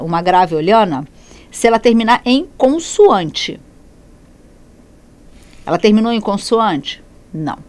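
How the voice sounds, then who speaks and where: A woman teaching a Spanish lesson in Portuguese, who poses questions, answers them herself and corrects her slips as she goes. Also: fairly high pitch. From Brazil. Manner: lively, repeats and self-corrects, asks and answers her own questions. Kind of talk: classroom lesson explaining grammar.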